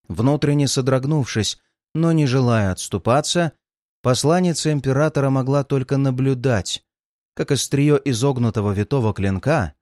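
A man narrating a dark fantasy audiobook in a measured, dramatic reading. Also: medium pitch, dry recording, studio quality.

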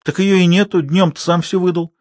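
A man voicing a lively old peasant woman who scolds her husband. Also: high-pitched, brisk, no room sound, clean studio sound, voice pushed up, close to an everyday voice. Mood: scolding.

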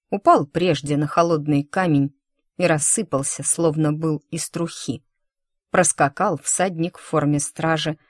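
Woman reading a story out loud, lowish voice, dead-dry mic. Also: no room sound. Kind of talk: scripted story narration.

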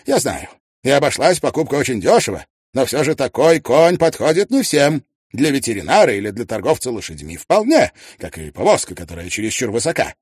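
Man narrating a confident Yorkshire gentleman in a storybook; quick, lively, dry sound. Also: medium pitch, breathy edge, dry recording, voice pushed up. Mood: assured.

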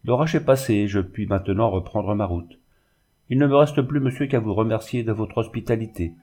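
A man's voice: lowish voice, moderate pace, mellow, close to an everyday voice. A man reading the lines of an earnest, upright young guest in a storybook reading. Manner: earnest and plain.

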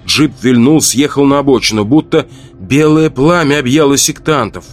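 A man reading a horror audiobook in a measured, dramatic narration. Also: mid-range voice.

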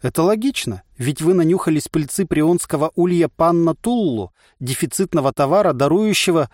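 A man's voice: on the high side, expressive, normal speed, darkish tone, dry recording, studio quality. A man doing a gleeful mad voice in one's head. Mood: chirpy. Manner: chirpy, recites adverts with glee. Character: cheerful insane male voice in one's head.

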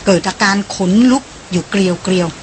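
A woman narrating an audiobook in a steady, even manner. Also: moderate pace, a little hiss or hum. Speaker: audiobook reader. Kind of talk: scripted narration.

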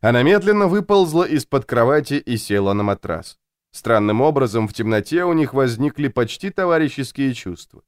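A man reading an audiobook with expressive storytelling narration. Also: mid-range voice, moderate pace, clear, resonant tone, no room sound, studio quality. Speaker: audiobook reader. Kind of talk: scripted narration.

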